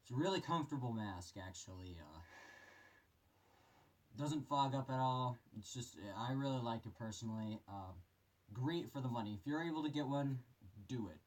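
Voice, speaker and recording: A man's voice: mid-range voice, lively intonation, normal speed, darkish tone. A man giving a casual gas mask review, his voice muffled as he talks through the mask he is wearing. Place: bedroom.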